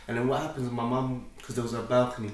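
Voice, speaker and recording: A man's voice: medium pitch, fairly even intonation, fast. A man with a South London accent giving an informal personal testimony in a hesitant, repetitive, slangy way. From South London, England. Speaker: speaker telling his conversion story. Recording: echoey room, distant microphone.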